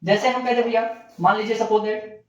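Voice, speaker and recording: A man's voice: fairly even intonation, moderate pace. Man teaching in an echoey room. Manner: asks questions and answers them himself in a lower voice; addresses students as bhaiya and bachche. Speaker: physics teacher. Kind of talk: recorded classroom lecture. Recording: distant, echoey, dull classroom recording.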